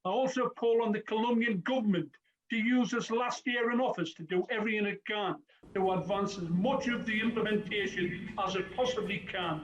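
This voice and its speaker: A man's voice: high-pitched, a little fast, highs cut off. A man giving a formal parliamentary speech as a member of parliament, earnest, with occasional stumbles. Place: parliamentary debating chamber.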